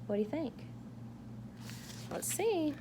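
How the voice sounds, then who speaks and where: Here a high-voiced woman takes her time reading a picture book to children, with big swings in pitch. Engaging throughout, she tosses in casual comments and quizzes her audience. Background noise comes through clearly.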